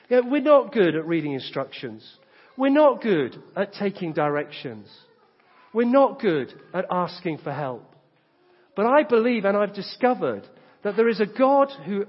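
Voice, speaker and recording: A man's voice: high-pitched, breathy edge, in a large hall, dull audio. A man preaching a sermon, retelling a story with rhetorical questions. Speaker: pastor.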